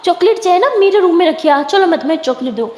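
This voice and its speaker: A woman's voice: extremely high pitch, animated, dark tone, voice pushed up. A woman voicing a middle-aged mother who scolds and coaxes her children, in a storytelling recording. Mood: coaxing. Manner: scolding, coaxing. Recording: echoey room with long reverb.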